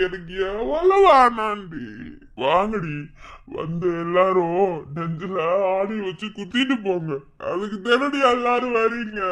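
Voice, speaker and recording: A jilted young husband in a cartoon, played by a man with a Madurai accent, drunk and bitter. He rants loudly, his voice high and strained, and drags out his words. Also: gravelly, heavily acted. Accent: Madurai Tamil. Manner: drunken, bitter, loud, slurred. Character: heartbroken young man ranting after his wife left.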